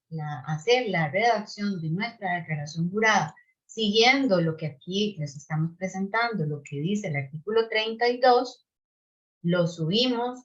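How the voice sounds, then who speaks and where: A woman's voice: mid-range voice, fairly bright tone. A woman presenting an online webinar and answering audience questions, explaining step by step with frequent tag questions and restarts. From Costa Rica. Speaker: webinar presenter on public procurement. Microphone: video call microphone. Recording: slightly dull video call audio.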